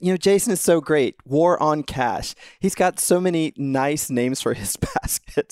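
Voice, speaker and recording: A man's voice: medium pitch, darkish tone, no echo, studio quality. Easygoing man explaining stock picks. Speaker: podcast co-host. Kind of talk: casual investing analysis.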